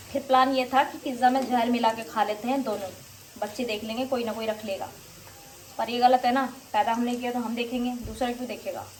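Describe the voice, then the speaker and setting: A woman's voice: a little high, a little mellow. Young woman chatting frankly at home. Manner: frank, scolding children at times. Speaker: vlogger and mother. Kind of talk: casual home vlog chat. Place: home in northern India. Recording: faint background noise.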